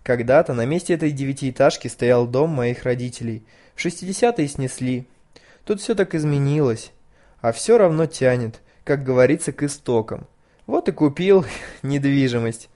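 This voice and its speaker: A man voicing a soothing, unhurried old man who talks in a measured, homely way. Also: medium pitch, lively intonation, warm tone, lightly acted. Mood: cozy.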